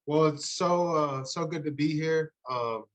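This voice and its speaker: A man in his thirties from Uganda, a youth pastor speaking earnestly and haltingly in a podcast interview. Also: a little high, a bit bright, low-quality recording. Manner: earnest, halting, with frequent restarts.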